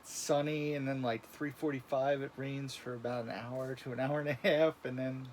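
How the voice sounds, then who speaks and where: A man's voice: medium pitch, fairly even intonation, normal speed, a little hiss or hum. A man in his thirties co-hosting a casual livestream, easygoing as he reads and greets viewers in chat. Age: 30s. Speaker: livestream co-host reading chat.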